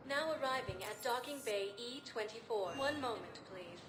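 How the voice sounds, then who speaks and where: A woman voicing a calm automated elevator announcer who speaks in a slow, even, measured way. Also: fairly high pitch, roomy sound, noisy background. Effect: computer announcement voice. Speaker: station elevator system.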